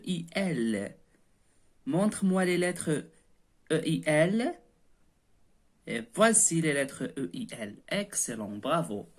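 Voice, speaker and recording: A woman's voice: fairly low pitch, a little mellow. A woman teacher giving a children's reading lesson, patient, spelling out letters and praising often. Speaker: primary school teacher.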